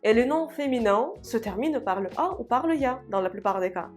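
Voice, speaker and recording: In a slightly high, animated voice, a woman leads an online language lesson, explaining grammar one step at a time. She pronounces each example sentence slowly and carefully, then repeats it. Soft music plays faintly in the background.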